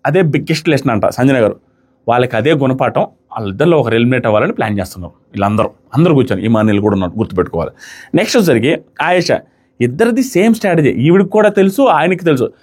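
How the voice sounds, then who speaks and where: A man giving a casual, animated spoken review of a reality show, rapidly recapping and quoting what others said. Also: mid-range voice, breathy edge.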